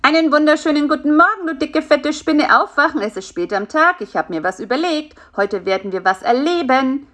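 A woman's voice: high-pitched, animated, fairly quick, hardly any pauses, a bit bright, voice pushed up. Field: a woman doing a scheming little fly. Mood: sweet-talking. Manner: bossy, eager, talks people into plans. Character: clever pushy male fly, scheming and impatient. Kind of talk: storybook character voice.

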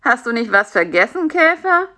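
A high, shrill little male fly who bosses everyone around, as a woman puts him on. His voice leaps up and down in bright, eager bursts. He sounds like a storybook pest who always wants more to eat. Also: normal speed. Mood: indignant. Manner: high, excited and demanding. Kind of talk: children's audiobook voice acting.

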